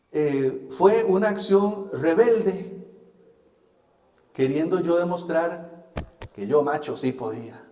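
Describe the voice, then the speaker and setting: Costa Rican male preacher, middle-aged, slightly high voice, homely storyteller; roomy hall with long reverb. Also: darkish tone. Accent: Costa Rican Spanish. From Costa Rica. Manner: folksy storyteller, laughs at himself. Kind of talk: sermon with personal testimony.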